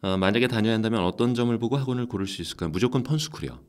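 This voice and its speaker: A man's voice: medium pitch, very fast. A middle-aged man, a voice actor who runs an acting academy, answering interview questions in a casual way and acting out the lines he quotes. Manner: animated storytelling, acts out quoted lines.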